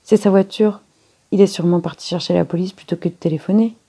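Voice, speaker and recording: Woman reader voicing an anxious young woman: distressed, insistent, husky tone. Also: fairly low pitch, fairly even intonation, rapid-fire, mellow.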